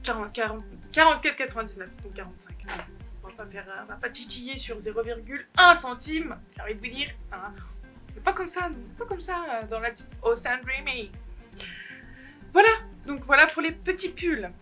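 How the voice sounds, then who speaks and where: A woman's voice: on the high side, expressive, normal speed, bright, forceful tone, faint music behind. A young woman vlogger talking alone to the camera in a casual haul video, giggly and rambling, poking fun at herself. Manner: giggly, rambling, self-mocking. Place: alone at home.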